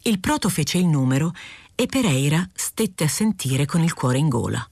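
A woman narrating a literary novel aloud in a steady, clear, unhurried audiobook reading. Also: deep voice, no room sound, studio quality. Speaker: audiobook reader.

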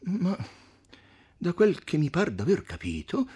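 A man's voice: high voice, wildly swooping pitch, measured pace, dark tone, breathy edge, voice pushed up, exaggerated voice. A man doing a hesitant, humble friar.

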